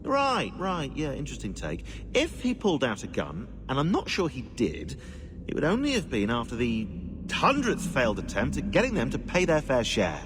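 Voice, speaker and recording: A male actor in a video game plays a snide, excitable, pedantic British historian who rambles sarcastically. His voice is medium-pitched at a normal speed, sounding indignant and animated over some background noise.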